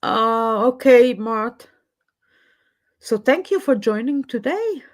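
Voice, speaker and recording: Speaking slowly in an expressive voice on the high side, a live stream host chats casually with her audience from home in Edinburgh. She is Swiss, a native French speaker, and her talk is rambling and chatty, often wandering off course.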